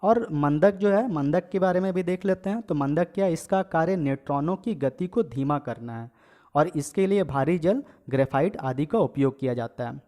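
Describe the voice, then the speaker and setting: A man with a fairly high-pitched voice runs a casual exam-prep quiz for his viewers. He reads each question and its options aloud, then gives the answer and repeats it. He keeps checking in with a quick "okay" between points. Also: lively intonation, dark tone. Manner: addresses viewers as friends and guys. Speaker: exam coaching teacher.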